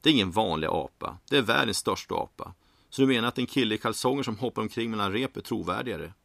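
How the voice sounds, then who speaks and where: A man's voice: fairly low pitch, animated, creaky, a bit bright, no echo. A man voicing a cheerful, bearded male film director who talks in an eager, chirpy way. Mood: indignant.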